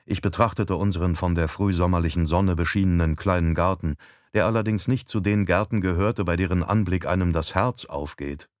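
Man, low voice, calm reflective audiobook narration, dry close recording. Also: fairly quick, dry recording. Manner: calm, even, reflective first-person telling. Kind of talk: scripted literary narration.

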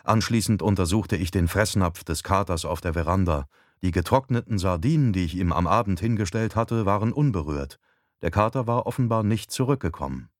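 Low-voiced male audiobook narrator. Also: fairly quick, dry recording, studio quality. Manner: calm, even, reflective first-person telling. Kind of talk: scripted literary narration.

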